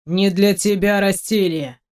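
A woman reading an audiobook, voicing a stern, blunt middle-aged father who speaks slowly and firmly. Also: medium pitch, fairly even intonation, a little mellow, lightly acted.

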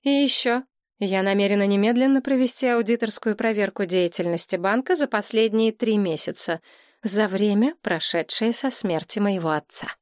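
A woman's voice: mid-range voice, moderate pace, no echo, studio quality, close to an everyday voice. Woman voicing a composed young heiress, firm.

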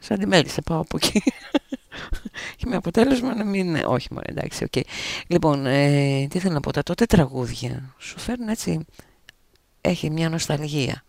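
A male radio host with a gravelly, somewhat high voice chats in an easygoing, teasing way. He stumbles over words and hesitates often. He sounds close and dry, as if in a small studio. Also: lively intonation, darkish tone, no echo. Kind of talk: casual on-air chat.

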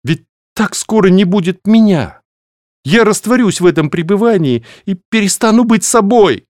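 A man's voice: on the high side, animated, a little slow, a little mellow, dry recording, studio quality, pitched above the performer's own voice. A man voicing an anxious young female student in an audiobook, pleading and upset. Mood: distressed. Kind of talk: audiobook reading.

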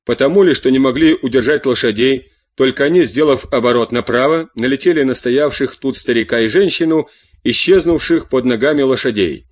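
A man reading a classic novel aloud as an audiobook narrator, steady and measured. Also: mid-range voice.

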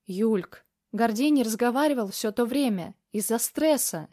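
A woman's voice: on the high side, lively intonation, a little slow, mellow, no room sound, clean studio sound. A woman voicing an emotional, loving grandmother in an audiobook. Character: tearful loving grandmother in a wheelchair.

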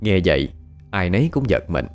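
Low, lively male ghost-story narrator. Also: normal speed, faint music behind. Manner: expressive, dramatic.

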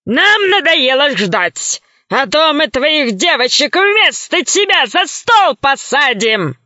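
A woman voicing a menacing one-eyed female alien gorilla who growls out her words slowly. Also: high-pitched, big pitch swings, bright, forceful tone, no room sound, dull audio, pitched above the performer's own voice, heavily acted. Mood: impatient.

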